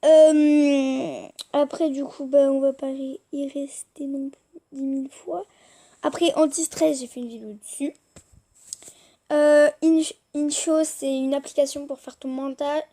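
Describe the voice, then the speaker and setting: Her voice high and warm, a young French-speaking woman chats casually over a screen recording of her tablet. She goes through her apps hesitantly, rambling and filling gaps with many fillers.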